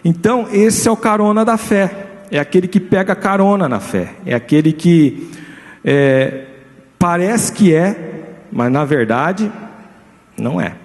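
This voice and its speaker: A Brazilian man preaching a sermon as pastor, his voice sitting a little high for a man. He keeps turning to the congregation with quick rhetorical questions. The sound carries a long hall reverb from the church. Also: expressive. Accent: Brazilian Portuguese.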